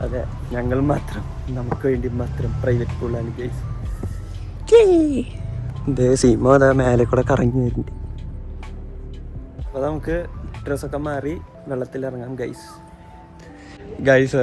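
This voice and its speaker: A man's voice: medium pitch, flat delivery, normal speed, gravelly, long pauses, soft background music. A Malayali man chatting casually to his travel vlog viewers, dropping English words and phrases into his Malayalam. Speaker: travel vlogger. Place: outdoors at a pool and streets.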